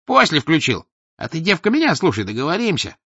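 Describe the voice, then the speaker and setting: A man's voice: fairly high pitch, huge pitch swings, a little fast, slightly rough, no echo, voice pushed up, exaggerated voice. A man voicing a scrawny, scheming petty man with a cracked tenor voice in an audiobook. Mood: pushy. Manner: pushy, sneering, shouting from a crowd. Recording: dull lo-fi recording.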